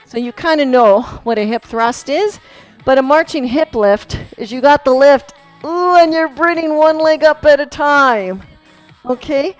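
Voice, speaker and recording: A woman fitness instructor leads a core workout class in a fitness studio, speaking in a high voice at an unhurried pace. Chatty and encouraging, she laughs often and demonstrates moves as she talks, with workout music in the background of a low-quality recording.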